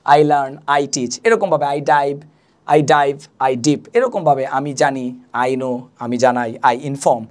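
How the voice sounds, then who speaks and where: A woman's voice: rumbling low, takes it slowly, darkish tone. A young woman teaching an English lesson, patiently repeating and spelling out each word. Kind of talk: spoken language lesson.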